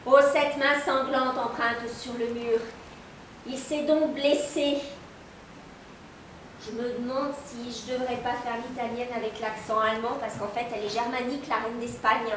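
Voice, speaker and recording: An actress playing a tipsy woman who declaims rehearsal lines slowly, then chats flatly. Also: a little high. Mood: rehearsing. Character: tipsy woman rehearsing a tragic queen role. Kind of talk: stage comedy scene. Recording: distant mic in an echoey theatre, audience noise.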